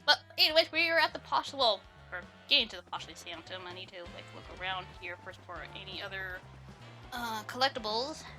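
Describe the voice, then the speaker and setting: A woman's voice: mid-range voice, expressive, fairly quick, music in the background. A woman giving casual, giggly gameplay commentary, chatting with lots of fillers. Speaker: let's play gamer.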